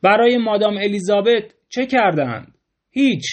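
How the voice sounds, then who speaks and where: A polite yet despairing nobleman who lectures with rising heat, voiced by a man reading aloud. His voice lifts fairly high, and the lines come in an audiobook reading of a storybook. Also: lively intonation. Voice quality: heated, lecturing.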